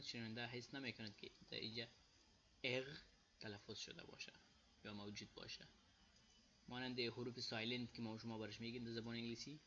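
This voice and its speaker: A man with an Afghan Dari accent giving a casual spoken lesson, saying example words slowly and loudly, then explaining them quietly. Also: mid-range voice, lo-fi sound, slight background noise. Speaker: language teacher.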